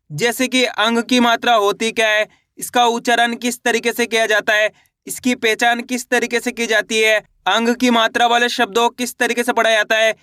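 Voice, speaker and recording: A man teaching reading in a video lesson, drilling each sound with repeated questions and slow model words. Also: very high voice, pushed and bright, clear, resonant tone, no room sound, clean studio sound. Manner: repetitive call-and-response drilling, drawn-out model words. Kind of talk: classroom-style video lesson.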